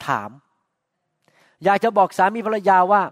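A man's voice: unhurried, no echo, studio quality, long reverb tail. A middle-aged man preaching a sermon, earnest, acting out short quoted exchanges. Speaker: pastor.

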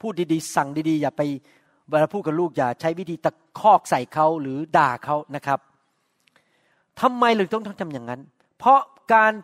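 A man's voice: a little high, lively intonation, normal speed, a bit bright, no echo, clean studio sound, big-room sound. A middle-aged man preaching a sermon, earnest, acting out short quoted exchanges. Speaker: pastor.

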